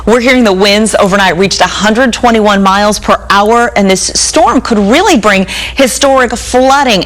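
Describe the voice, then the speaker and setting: Woman anchoring live weather news. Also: mid-range voice.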